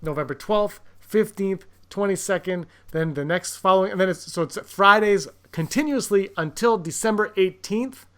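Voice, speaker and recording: Clear, higher-voiced man hosting a podcast. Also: moderate pace, hardly any pauses, fairly bright tone. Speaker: podcast host. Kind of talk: casual chat.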